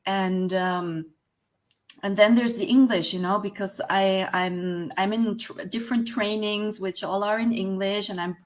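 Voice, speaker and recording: A Spanish woman in her forties, an online business manager, speaks English with a Spanish accent as a guest in a casual interview. Her mid-range voice is fairly even and unhurried, and she hesitates and searches for words with many fillers.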